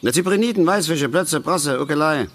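An actor playing a bitter, stubborn middle-aged angler in a radio play, ranting in a gruff, pedantic way. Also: male voice, a little high, lively intonation, brisk, natural voice. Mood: lecturing.

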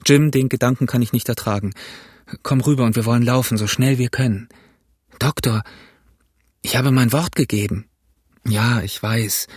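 A man's voice: medium pitch, steady tone, normal speed, long pauses, darkish tone, slightly rough, no room sound, clean studio sound, close to an everyday voice. A man reading the part of a stern but kindly ship's doctor in an audiobook, talking in an earnest, urgent, fatherly way.

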